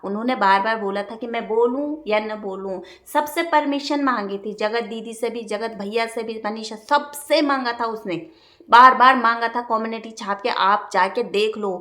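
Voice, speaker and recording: A woman hosting a reaction vlog, speaking in heated, indignant commentary and scolding in rapid outbursts. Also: on the high side, sharp tone. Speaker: reaction video host.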